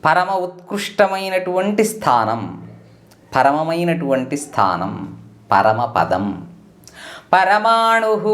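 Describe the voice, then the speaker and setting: A devotional teacher who chants a hymn and then explains each sacred name in turn, singing the name first and speaking the meaning after it. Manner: chants in a high, melodic tone.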